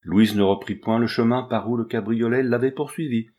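A man narrating a classic children's story aloud in a measured, expressive reading. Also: medium pitch. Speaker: audiobook reader.

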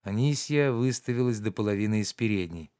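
A male audiobook narrator with a fairly low voice reads a classic novel. His delivery is measured and even, with a calm storyteller's pacing. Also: smooth.

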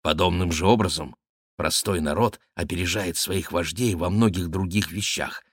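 A man reading a classic novel aloud in measured, expressive narration. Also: low-pitched, slightly rough, no room sound, clean studio sound. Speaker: audiobook reader. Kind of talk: scripted literary narration.

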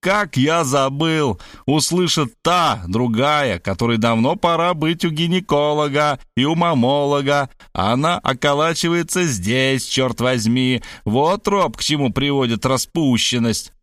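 A man's voice: medium pitch, animated, no echo, studio quality, lightly acted. A man voicing a brash, cynical male friend with crude, mocking talk in an audiobook. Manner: mocking, crude, fast-talking. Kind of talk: audiobook character voice.

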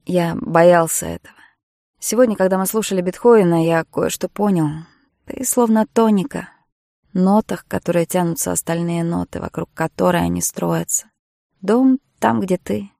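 An earnest young marine pleads tenderly with the woman he loves, voiced by a female audiobook narrator. His lines come out warm and slightly gravelly. The recording is close and dry. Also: fairly low pitch, normal speed, dry recording. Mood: gentle.

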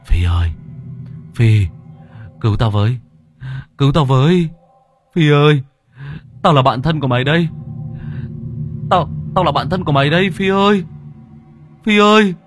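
A man's voice: expressive, brisk, faint music behind. A man voicing a vicious shape-shifting demon that taunts, begs and curses in an audio story. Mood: desperate pleading. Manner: taunting, then shrill wailing and cursing.

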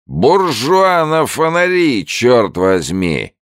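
A man's voice: mid-range voice, huge pitch swings, very slow, clean tone, no room sound, studio quality, voice pushed up, full character voice. A man voicing a drunk, boisterous old French bargeman in an audiobook, slurring and bellowing. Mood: drunken bellow.

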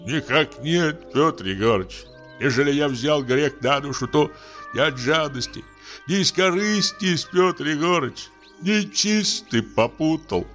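A man voicing a meek, lame peasant poacher, pleading in a trembling, reedy falsetto. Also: animated, unhurried, fairly bright tone, soft background music. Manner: humble, rambling, pleading.

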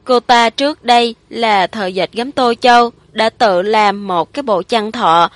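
A woman's voice: on the high side, no room sound, close to an everyday voice. Horror audiobook: woman reader doing a cowering middle-aged man, raised and strained, pleading through tears, dry close read. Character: frightened guilt-ridden middle-aged man confessing.

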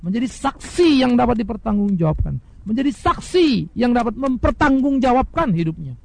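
A man preaching a sermon, addressing his listeners directly, swinging between loud emphatic highs and soft, hushed lows and acting out quoted speakers. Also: big pitch swings, moderate pace, vocal fry, low-quality recording. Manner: mimics imagined speakers in quoted asides. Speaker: pastor.

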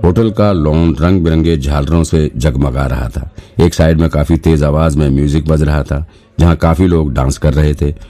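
A man narrating an audiobook in a steady storytelling manner and acting out the characters' lines. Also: very deep voice, normal speed, soft background music.

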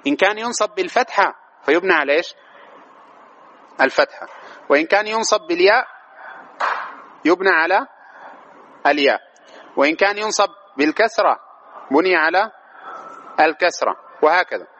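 Fast, high-voiced male teacher. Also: lively intonation, bright, forceful tone, muffled recording, a little hiss or hum. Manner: quizzes students with repeated questions. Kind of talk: grammar lesson.

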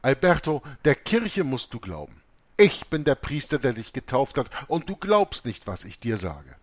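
A man's voice: medium pitch, big pitch swings, moderate pace, dry recording, voice pushed up. A man reading aloud voices an older village priest who speaks in a soothing, assured way. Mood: insistent.

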